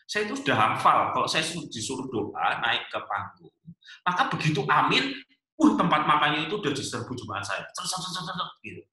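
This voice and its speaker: Animated male pastor in an echoey room. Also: a little high, brisk. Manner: animated storytelling, many rhetorical asides. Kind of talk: humorous sermon at a couples' webinar.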